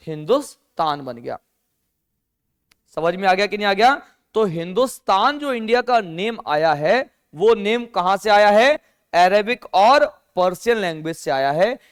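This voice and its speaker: High-voiced man teaching a class. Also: smooth. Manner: asks the class questions and answers them himself; mixes English words into Hindi. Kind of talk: classroom lecture.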